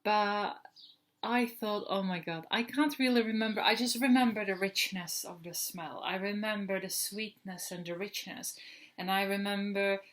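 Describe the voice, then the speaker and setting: A woman's voice: mid-range voice, normal speed, fairly bright tone. A woman in her thirties, originally from the Republic, chatting casually in a perfume review vlog, rambling with many fillers and restarts. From Czech Republic. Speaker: perfume vlogger.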